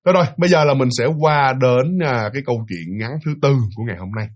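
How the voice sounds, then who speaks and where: A man with a Southern Vietnamese accent telling a ghost story in an animated, emphatic way, throwing rhetorical questions at his listeners. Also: mid-range voice, fast talker. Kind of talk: spoken ghost story narration.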